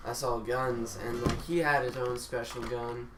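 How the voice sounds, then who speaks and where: A man's voice: medium pitch, flat delivery, unhurried, distant mic, over music. A young man in casual chat, telling a rambling story full of fillers, as a podcast co-host among friends. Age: young adult. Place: room with friends. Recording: roomy echo, off-mic, faint hiss.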